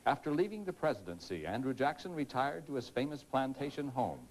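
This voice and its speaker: Animated male game show host. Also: mid-range voice, brisk, low-quality recording.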